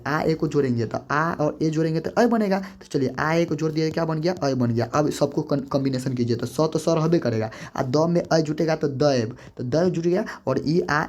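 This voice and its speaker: A man with a slightly high, darkish voice explains a grammar lesson at the board. His manner is repetitive and coaxing, going over steps again and quizzing the listener along the way.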